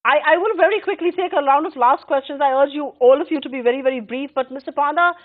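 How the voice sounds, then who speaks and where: Tinny, band-limited audio of a woman news anchor with an Indian accent. She talks very quickly in a fairly high voice, steering a panel debate with formal, emphatic questions. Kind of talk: live panel debate moderation.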